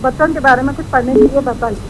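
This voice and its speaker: Female caller, very high voice, hesitant, heavy line noise. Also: fairly even intonation. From India. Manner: hesitant, short halting answers. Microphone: phone call. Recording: noisy phone line.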